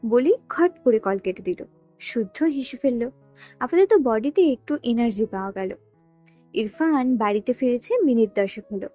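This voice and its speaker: Female narrator for a romance audiobook, high and mellow, close dry recording with light background music. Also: expressive, normal speed, no echo. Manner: reads all characters' dialogue with only slight voice changes. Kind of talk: storytelling reading of a romance novel.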